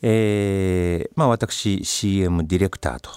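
A man's voice: low voice, measured pace, smooth, dry recording, clean studio sound. A man hosting a radio column, talking casually about his work and acting out the voices of other people. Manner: animated, acts out directors' voices. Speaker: radio host and commercial director. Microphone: studio microphone.

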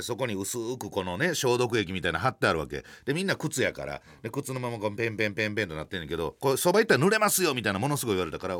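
A man with a Kansai accent telling a comic anecdote in casual talk, animated and acting out other people's voices. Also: on the low side. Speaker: storyteller.

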